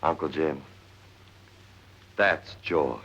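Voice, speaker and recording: A man's voice: extremely low pitch, extremely slow, vocal fry, fairly bright tone, breathy edge, full character voice. A man acting an exasperated, wry character with sardonic screwball banter in a 1940s comedy film. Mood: wry, insistent. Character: exasperated, wry man convinced his brother returned as a dog. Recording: muffled vintage film soundtrack.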